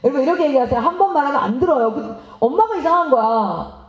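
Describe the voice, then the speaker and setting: Female missionary seminar speaker, very high and lively, engages the audience, roomy hall sound. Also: quick pace. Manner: animated, asks the audience questions and acts out parents and children. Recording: roomy, slightly dull hall recording.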